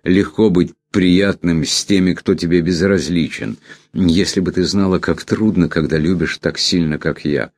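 Man voicing a lovesick young man, pleading, self-pitying, lifts in pitch, gravelly, dry audiobook sound. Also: normal speed, a little mellow, no room sound. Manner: pleading, rising with emotion. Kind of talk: audiobook character reading.

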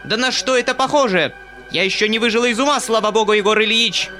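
Мужчина играет властную мать-дворянку, вопящую от злости; высокий, звонкий и напряжённый тембр, напористая речь. Вдали еле слышна музыка. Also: male voice, high voice, fast, sharp tone, faint music behind, voice pushed up. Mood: shrieking fury. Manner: shrieking, scolding. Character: shrill furious noblewoman, domineering mother.

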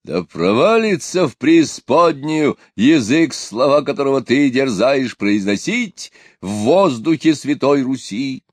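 A man voicing a furious, domineering rebel leader who claims to be tsar, shouting in slow, commanding declamation. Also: mid-range voice, expressive, no room sound. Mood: enraged.

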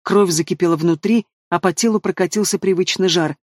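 A man's voice: sits high, steady tone, brisk, no echo, studio quality. A man narrating a fantasy audiobook in the first person, reading expressively and speaking the heroine's lines himself.

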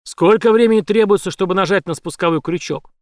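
A man voicing a menacing, bullying armed police chief who barks loud threats. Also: high-pitched, animated, a little fast, no room sound, studio quality, pitched above the performer's own voice. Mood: threatening.

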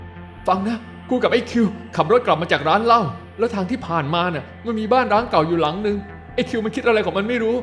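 A man's voice: sits high, lively intonation, fast talker, a bit bright, faint music behind, voice pushed up. A man voicing a frightened young man who is lost in a haunted house and is pleading frantically for help.

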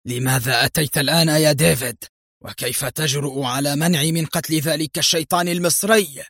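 A man's voice: a little high, fairly even intonation, a little fast, fairly bright tone, no echo, clean studio sound. A man voicing a ruthless, stubborn male assassin who speaks coldly and harshly in an audiobook story. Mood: cold defiance. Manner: cold, harsh, defiant.

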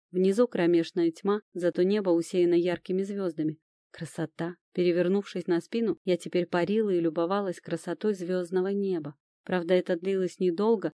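A woman reading a first-person fantasy story aloud, lively and expressive. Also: on the low side, dry recording, studio quality. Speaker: audiobook reader.

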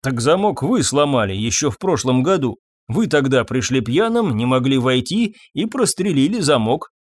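A stolid stable hand who answers in short, flat words and cannot be rattled, as a male narrator puts him on. It is a storybook voice kept close to ordinary speech and recorded dry, with no room around it. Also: medium pitch, moderate pace, no room sound.

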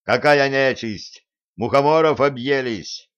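A man voicing a stern middle-aged gendarme captain with a resonant, trained voice who barks drawn-out orders. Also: mid-range voice, animated, fairly bright tone. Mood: barking, indignant. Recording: slightly dull recording.

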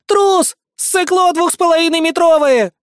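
Male reader as hysterical immortal goddess, high-pitched, shouting, dry close read. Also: fairly quick, no room sound. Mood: furious. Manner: shrill, shouting, indignant. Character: hysterical immortal goddess, proud female warrior. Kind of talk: audiobook character voice.

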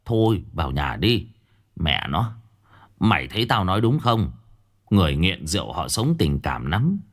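A man's voice: low-pitched, big pitch swings, moderate pace, exaggerated voice. A man voicing a rowdy, nagging drunken village neighbor in a spoken ghost story. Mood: gruff coaxing. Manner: loud, nagging, slurring banter.

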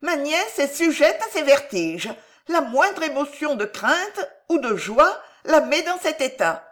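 A woman's voice: high voice, very animated, unhurried, a bit bright, voice pushed up, exaggerated voice. A woman voicing a scheming old aunt, soothing and coaxing in a raised voice.

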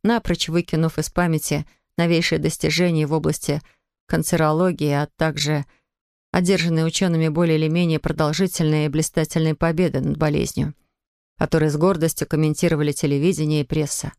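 A woman narrating a literary novel in an even, measured storytelling voice. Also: sits low, clean tone, no echo, clean studio sound. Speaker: audiobook narrator.

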